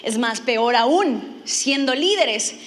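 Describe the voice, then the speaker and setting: A woman's voice: a little high, lively intonation, slow pace. A middle-aged woman telling a funny story in a sermon, self-mocking and acting out her own lines. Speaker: preacher.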